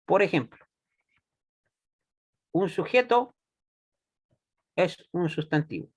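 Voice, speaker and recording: Slow, patient male Hebrew teacher. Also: high-pitched, expressive. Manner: patient, checks understanding with frequent "¿ya?"; slow and deliberate, repeats words for students. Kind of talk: classroom lesson.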